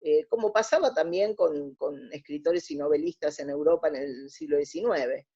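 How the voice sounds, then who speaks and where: An Argentine woman who researches radio drama answers as an interview guest with an Argentine Spanish accent, explaining conversationally and often rephrasing mid-sentence. Her deep, dark voice has a breathy edge, her pace is moderate, and the highs are cut off.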